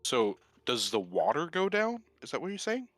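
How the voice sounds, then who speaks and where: A man's voice: a little high, huge pitch swings, moderate pace, a bit bright, soft background music. A man playing a tabletop game, earnestly asking the game master about rules and plans. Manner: earnest, asks rules questions. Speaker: player. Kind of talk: casual tabletop play.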